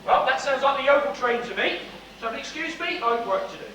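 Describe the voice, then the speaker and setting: A man doing a homely, teasing railway porter on stage, his voice high and lively, rising and falling as he chats. The sound is an echoey hall heard from far off, with steady noise under it. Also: fast. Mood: chatty. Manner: homely, folksy, a bit teasing. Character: friendly older male railway porter, chatty. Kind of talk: amateur stage play. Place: theatre stage. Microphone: distant audience recording.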